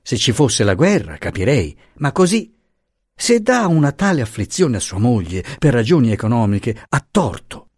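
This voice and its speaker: A man's voice: mid-range voice, sing-song, normal speed, a little mellow, breathy edge, dry recording, clean studio sound. A man doing a fretful old professor. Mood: pleading. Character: gentle older male professor, fretful and earnest.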